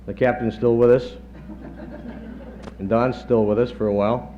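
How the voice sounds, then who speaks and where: A middle-aged man, a chief of staff, giving a halting tribute speech with dry humor, heard on old worn reel-to-reel tape. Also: mid-range voice, flat delivery. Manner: halting, many pauses and fillers, dry humor. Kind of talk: after-dinner tribute speech. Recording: dull worn 1970s tape with faint hum.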